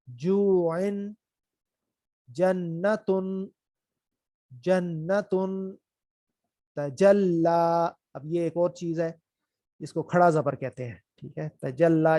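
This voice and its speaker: A man teaching Quran reading, who spells out letters and vowel marks slowly, then speeds up to explain, and keeps checking in with his students. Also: fairly high pitch, vocal fry, dark tone, dry recording, studio quality. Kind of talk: recorded reading lesson.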